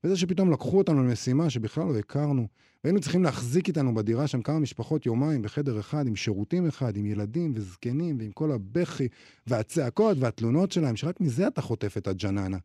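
A man's voice: medium pitch, expressive, warm tone, breathy edge, dry recording, clean studio sound. A man reading as a gangly young soldier. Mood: defensive. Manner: explaining, self-justifying.

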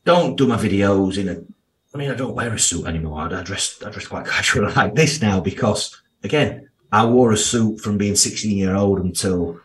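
A man's voice: on the low side, moderate pace, a bit bright. A man in his thirties with a strong Yorkshire accent, talking candidly as an interview guest in a blunt, down-to-earth, slangy way. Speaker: podcast guest, financial services professional.

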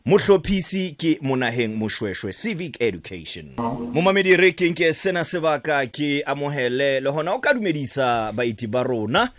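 A man's voice: on the high side, very animated, fairly quick, a bit bright, dry recording. A man with a South African Sotho accent, hosting a radio interview programme. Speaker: radio talk show host.

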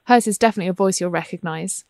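A woman's voice: lowish voice, very fast, a little mellow, dry recording, clean studio sound. A woman co-hosting an interview, introducing the guest and asking questions in a polished presenter manner. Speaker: podcast co-host. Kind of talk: hosted interview, partly scripted introduction.

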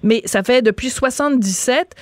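A woman's voice: fairly high pitch, fairly quick, darkish tone, dry recording, clean studio sound. A woman from France with a French accent, hosting a radio interview and speaking to her guest directly and frankly. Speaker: radio host.

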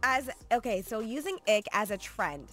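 A woman's voice: on the high side, very animated, moderate pace, fairly bright tone, soft background music. A young woman on a radio morning show, plainly explaining slang to her co-hosts. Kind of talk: casual on-air chat.

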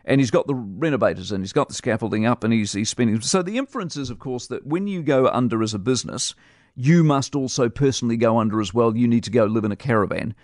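A man's voice: medium pitch, quick pace, darkish tone, no echo, studio quality. A man hosting a radio show, giving blunt, scornful opinion commentary. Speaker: radio host. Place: radio studio.

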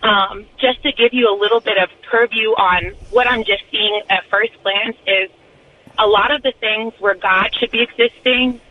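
A woman's voice: medium pitch, fairly even intonation, moderate pace, a little hiss or hum. A woman calling in to a radio show over the phone. She speaks earnestly and thoughtfully, with frequent ums. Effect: heard over a phone line. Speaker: caller. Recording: tinny phone line.

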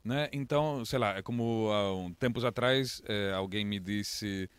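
Soft-spoken man, dry close sound. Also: on the low side, measured pace, smooth, no echo. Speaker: podcast guest, journalist. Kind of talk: conversational interview.

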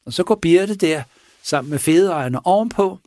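A man who is a police officer, retelling a case in a casual interview, halting with pauses and restarts. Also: a little high, lively intonation, darkish tone, no room sound, clean studio sound. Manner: halting, with many pauses and restarts, acts out quoted speech. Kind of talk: casual spoken storytelling in an interview.

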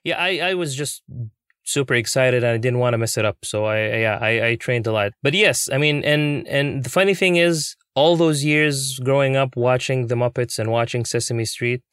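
A young man, a puppeteer, telling his story in an interview, earnest and excitable. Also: mid-range voice, normal speed, clean tone, no echo, studio quality. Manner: earnest, excitable, many fillers.

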